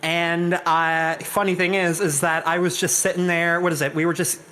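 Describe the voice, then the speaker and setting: A man's voice: on the high side, little pitch movement, moderate pace, bright, forceful tone. A man in his twenties from Canada, telling a story on a virtual-reality panel with lots of fillers and restarts. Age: 20s. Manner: rambling storyteller with many fillers. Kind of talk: casual panel chat. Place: virtual reality social event.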